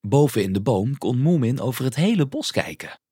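A man narrating a children's story in an expressive storytelling manner on a close microphone. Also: mid-range voice, a little fast, slightly rough, no echo.

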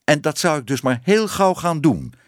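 A man's voice: on the high side, lively intonation, normal speed, no echo, clean studio sound, pitched above the performer's own voice, natural voice. A man doing a stern old cat aunt. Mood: bossy. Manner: stern, disapproving, bossy.

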